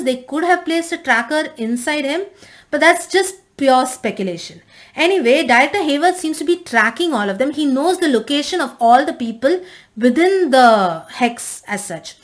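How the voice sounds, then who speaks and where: A woman casually recapping and reviewing a TV episode, rambling with frequent restarts and fillers. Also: sits high.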